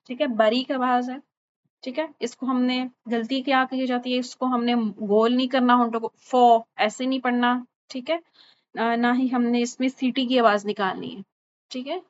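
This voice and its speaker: Woman tajweed teacher. Voice a touch high, patient, models letters slowly. Slightly muffled recording. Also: steady tone, a little hiss or hum. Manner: patient, repeats each sound slowly and checks with "thik hai?". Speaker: Quran recitation teacher. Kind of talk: online tajweed lesson. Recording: slightly dull lo-fi recording with faint ambience.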